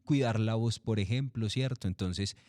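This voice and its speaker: A middle-aged man, a commercial voice-over artist talking in an interview, relaxed and repetitive, asking and answering his own questions. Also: fairly low pitch, moderate pace, dry recording, studio quality. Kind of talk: interview, casual explanation.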